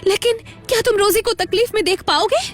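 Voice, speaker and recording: A woman's voice: very high voice, fairly quick. A female voice actor dubbing a fiery young woman who challenges the husband indignantly. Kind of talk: Hindi dub of a drama.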